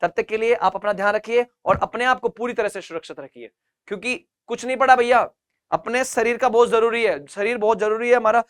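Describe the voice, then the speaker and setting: A male English teacher runs an online grammar lesson. He drills each example sentence slowly, several times over, and keeps prompting his students with questions. He moves easily between Hindi explanations and English examples. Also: very high-pitched, a bit bright.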